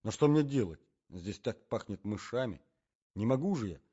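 A jealous, panicky gentleman, as a male reader puts him on who pleads and exclaims in alarm. His voice swings up and down, and the recording is muffled and lo-fi. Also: lowish voice, lively intonation, normal speed, husky. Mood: pleading. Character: jealous panicky middle-aged gentleman hiding under a bed. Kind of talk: audiobook character reading.

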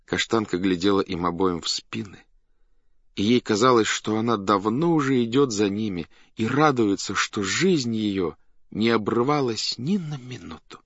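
A man narrating a classic story aloud in an expressive, theatrical reading style. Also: lowish voice, moderate pace, no room sound. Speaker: audiobook narrator. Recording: dull dry studio recording.

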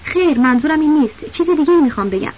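A woman's voice: high-pitched, lively intonation. A woman reading the quoted lines of a young man posing as a teacher, flustered and pleading as he keeps denying things. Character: flustered young male impostor teacher, desperate. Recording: dull lo-fi audiobook recording with faint hiss.

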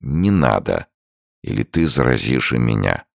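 A man voicing a weary, gravely ill old father speaking solemnly to his son. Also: a bass voice, very animated, a little slow, no echo, studio quality, heavily acted. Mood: tender. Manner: tired, solemn.

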